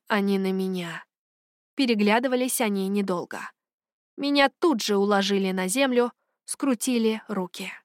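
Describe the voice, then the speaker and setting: A woman reads a first-person adventure tale aloud with expressive, dramatic delivery. Her voice sits at an ordinary middle pitch for a woman. The recording is dry, with no room sound. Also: dry recording. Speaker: audiobook narrator. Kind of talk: first-person fiction narration.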